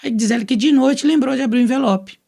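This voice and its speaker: A man's voice: very high-pitched, fast, vocal fry. A man from Brazil telling his personal testimony in a casual, storytelling way, acting out the dialogue he quotes. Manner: lively storyteller who acts out quoted dialogue.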